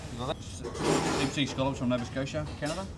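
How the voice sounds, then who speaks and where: A man's voice: mid-range voice, fairly even intonation, brisk. A male head chef talking informally about kitchen work, blunt and matey. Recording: noisy kitchen background.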